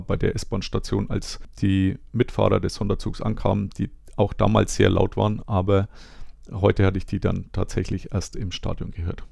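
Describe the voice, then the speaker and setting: A low, heavily gravelly male host recapping a day with dry humour, chatty and relaxed. His voice is close and dry, with no room sound at all. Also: no room sound. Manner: wry, conversational storytelling. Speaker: podcast host. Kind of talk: recap narration.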